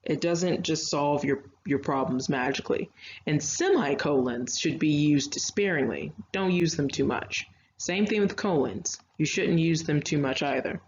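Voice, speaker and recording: A woman's voice: low-pitched, a little slow, darkish tone. A woman teacher giving an online writing lecture, explaining grammar step by step with chatty asides and fillers. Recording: slightly dull lo-fi audio, faint noise.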